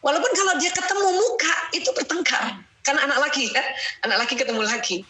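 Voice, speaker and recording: A middle-aged woman leads a parenting seminar in a bright, slightly high voice. Her delivery is animated and full of laughter, with a habit of tucking "ya" between her points. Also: quick pace, rough recording. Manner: lively, often laughing, quotes her children; peppers sentences with "ya". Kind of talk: seminar talk to an audience.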